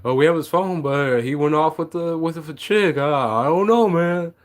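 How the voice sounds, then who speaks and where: A man's voice: on the high side, moderate pace, voice pushed up, natural voice. A man voicing a shifty young man who stammers and feigns ignorance. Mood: evasive. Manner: evasive, stammering.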